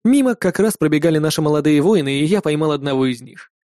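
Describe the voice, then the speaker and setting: A man reading a first-person fantasy adventure aloud in steady storytelling style. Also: fairly high pitch, quick pace, dry recording, clean studio sound. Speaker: audiobook narrator.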